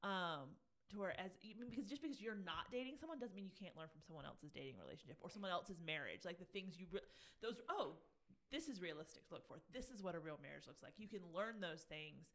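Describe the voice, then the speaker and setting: A woman's voice: lowish voice, expressive, fast, fairly bright tone. A woman speaking earnestly and thoughtfully on a casual podcast. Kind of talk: casual chat.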